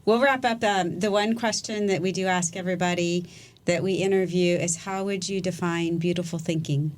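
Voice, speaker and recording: A woman's voice: lowish voice, fairly even intonation, fairly quick. A woman hosting a podcast interview, wrapping up and reading the closing credits. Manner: warm listening, short affirmations and laughs. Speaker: podcast host.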